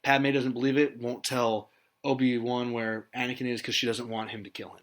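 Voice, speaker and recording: A man with a bright, forward voice at an ordinary middle pitch, chatting on a podcast. He recaps things in a loose, rambling way, pausing on fillers as he goes. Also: flat delivery. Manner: rambling recap with hesitations and laughs. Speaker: podcast host. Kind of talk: casual podcast chat.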